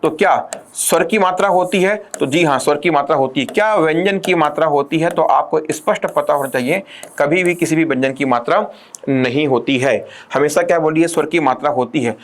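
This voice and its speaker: A man with a slightly high voice delivers an exam-prep lesson. He drills his students with constant rhetorical questions and slows to a deliberate pace when dictating definitions. The tone is that of a classroom lecture. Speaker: teacher.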